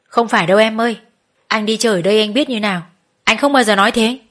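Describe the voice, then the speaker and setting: A woman's voice: a little high, fast talker, a bit bright, close to an everyday voice. A woman voicing a tipsy middle-aged man who pleads and justifies himself. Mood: defensive. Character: drunk middle-aged male customer, defensive.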